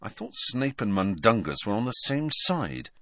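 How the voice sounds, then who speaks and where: A man's voice: mid-range voice, expressive, unhurried, bright, forceful tone, no echo, studio quality. A man voicing a frustrated teenage boy who mutters unsure replies. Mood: muttering.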